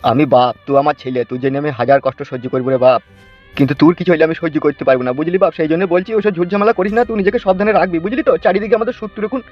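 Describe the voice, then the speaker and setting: A man acting as a wounded father in a family drama, hushing and pleading in an anxious voice. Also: fairly high pitch, fairly even intonation, rapid-fire, lo-fi sound, soft background music. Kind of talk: emotional village drama acting.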